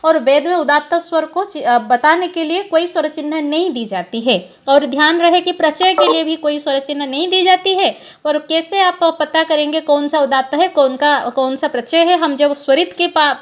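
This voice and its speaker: High-pitched female lecturer, halting classroom explainer who demos sounds aloud. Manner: explains slowly, with many fillers and self-corrections; demonstrates vowel sounds aloud for students. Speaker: Sanskrit teacher.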